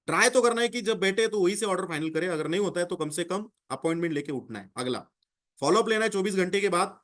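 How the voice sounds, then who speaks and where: A man's voice: high-pitched, lively intonation, fast, a bit bright. A man giving a sales training lecture, coaching listeners and acting out sample dialogues with prospects.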